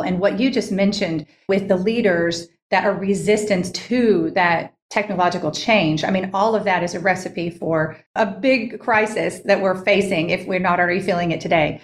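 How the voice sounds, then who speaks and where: A woman hosting a podcast interview, asking steady framing questions. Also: mid-range voice. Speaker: podcast host.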